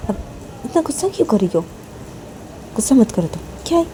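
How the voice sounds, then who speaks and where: A woman's voice: a little high, sing-song, brisk, dark tone, a little hiss or hum, voice pushed up. A woman voicing a flustered young woman who defensively brushes off her girlfriend's anger with whiny questions.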